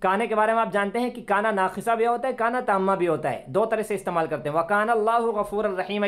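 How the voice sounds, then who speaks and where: A man teaching an English grammar lesson, patiently repeating phrases slowly for his students. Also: high voice. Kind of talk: classroom lesson explaining grammar.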